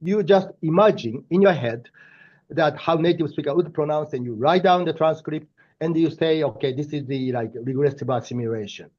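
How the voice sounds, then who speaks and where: An older Japanese-accented man lectures as a university professor, mixing in personal anecdotes. His voice is fairly high and darkish, captured with dull audio. He speaks thoughtfully but haltingly, often using fillers and restarting sentences.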